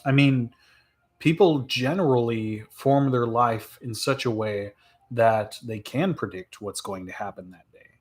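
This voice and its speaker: A man chatting casually on a live stream, answering questions as they come in. He talks in a loose, reflective ramble, circling back on his thoughts and laughing lightly. His voice sits at a typical middle pitch for a man. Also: measured pace, slightly rough.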